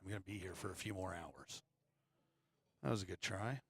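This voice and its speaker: Man, live-stream pool commentator, relaxed and joking, low gravelly voice, close dry sound. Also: normal speed, dry recording. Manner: chatty, joking, apologetic asides to viewers. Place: pool hall.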